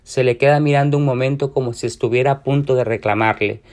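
Reading a short story aloud, a man with a Mexican Spanish accent speaks fast in a medium-pitched, steady, slightly mellow voice. The story is told in a casual, slangy first person.

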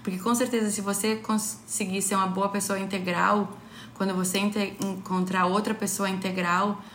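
Animated woman chatting in a roomy kitchen. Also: medium pitch, normal speed, slight background noise. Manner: animated, playful storytelling. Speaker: podcast co-host. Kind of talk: casual advice chat. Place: kitchen table at home. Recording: roomy kitchen with faint ambience.

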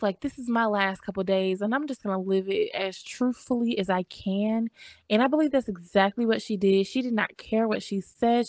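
Woman, laid-back podcast co-host, mid pitch, dry sound. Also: dry recording. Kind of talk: casual movie discussion chat.

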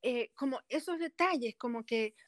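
A woman's voice: high-pitched, moderate pace, dry recording, clean studio sound. A woman with in a casual interview, speaking hesitantly and searching for words. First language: not a native Spanish speaker. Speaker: interviewee, Airbnb host.

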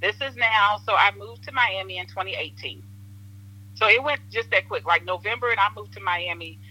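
Podcast guest: animated woman, bright and husky, tinny phone sound, lively storyteller. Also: mid-range voice, fairly quick. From Southern Illinois, USA. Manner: animated storyteller, acts out quotes, laughs often. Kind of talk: casual chat.

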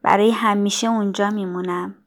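A woman voicing a gentle young girl who is dying, speaking softly, mildly and calmly. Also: medium pitch, natural voice. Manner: soft, mild and calm.

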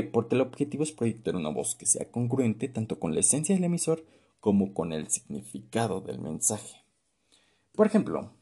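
A man's voice: fairly low pitch, mellow, husky. A man giving an informal class presentation in a conversational way, with many fillers and tag questions. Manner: acts out short voice examples. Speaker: presenter teaching communication.

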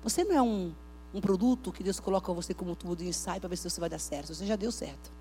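A woman preaching a Pentecostal sermon at a church service, emphatic, swinging between loud outbursts and hushed talk. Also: on the low side, fast, slight background noise.

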